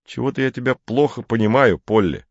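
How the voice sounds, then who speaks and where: A man's voice: mid-range voice, fairly quick, no room sound, highs cut off, voice pushed up, lightly acted. A man reading aloud, voicing a guilty fourteen-year-old boy who grumbles and defends himself. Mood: defensive, grumbling.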